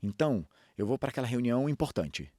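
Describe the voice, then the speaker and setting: A man who speaks and coaches public speaking, talking in a storytelling way, with lively jumps in pitch and pace. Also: fast talker, dry recording, clean studio sound. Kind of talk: podcast talk on public speaking.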